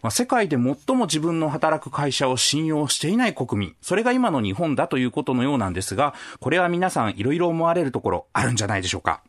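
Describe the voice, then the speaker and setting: A man co-hosting a talk show, easygoing and measured, reading topics and reacting dryly. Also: a little high, very animated. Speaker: radio co-host presenting topics.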